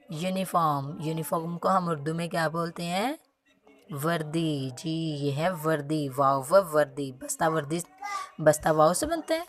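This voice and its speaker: A woman from Pakistan teaching a kindergarten class to read Urdu. She sounds out letters in a sing-song chant, asks the children questions and answers them herself. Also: deep voice. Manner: sing-song letter blending, repeating syllables slowly. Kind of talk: recorded children's lesson.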